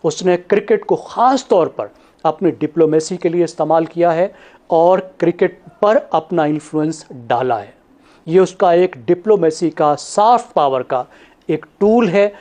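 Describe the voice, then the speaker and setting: Guy on tv, steady, going through his points in order. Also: on the high side. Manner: measured, lists points in order. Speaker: TV analyst. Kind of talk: studio analysis.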